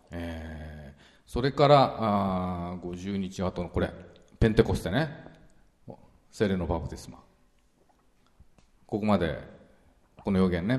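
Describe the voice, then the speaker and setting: A man preaching a relaxed, chatty Bible teaching sermon, full of fillers and asides. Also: deep voice. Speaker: pastor. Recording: long reverberant hall sound.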